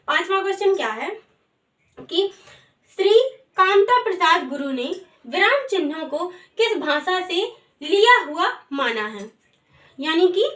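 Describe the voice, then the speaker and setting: A woman's voice: very high-pitched, fairly bright tone. A woman teaching an online grammar lesson. She asks questions and answers them herself. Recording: echoey room, voice far from mic.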